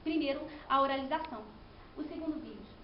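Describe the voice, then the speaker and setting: Woman, very high voice, giving a thesis presentation in an echoey room with somewhat dull sound. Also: quick pace, a little hiss or hum. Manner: explanatory, with frequent "né?" and restarts. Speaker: student presenting her thesis. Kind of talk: academic presentation.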